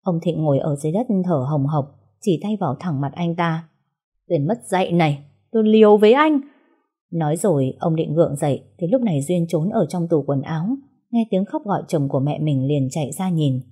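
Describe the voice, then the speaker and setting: Woman reading a story aloud, steady, husky and mellow, lowish voice. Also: brisk. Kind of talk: scripted narration.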